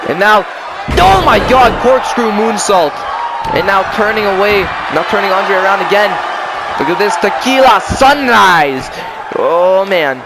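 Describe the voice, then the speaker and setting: A man with a high voice calls wrestling action in a loud, exclamatory rush, cracking jokes between the big moments. Steady noise hums under the recording. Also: measured pace, a loud crowd. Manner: shouting, exclamatory, jokey. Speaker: play-by-play commentator. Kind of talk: excited wrestling commentary.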